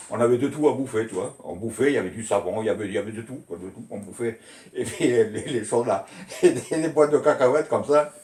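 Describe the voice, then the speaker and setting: A man's voice: mid-range voice, darkish tone. Older man, colloquial storyteller, rambles, laughs often, roomy echo. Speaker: storyteller recalling childhood. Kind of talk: casual reminiscing. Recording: echoey room.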